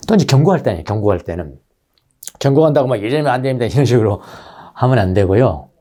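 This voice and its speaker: Male pastor, Sunday sermon; mellow, warm voice that swings widely in pitch; talks straight to the pews. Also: fast talker. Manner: animated preaching, addresses the congregation directly. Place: church sanctuary.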